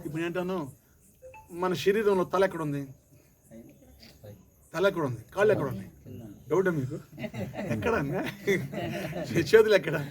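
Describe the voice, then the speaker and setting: A man preaching a sermon as pastor, repeating his lines and calling on the congregation to answer loudly. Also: sits high, moderate pace, long pauses. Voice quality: calls for loud amens and repeats. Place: church hall with congregation. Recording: loud congregation noise. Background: congregation responding.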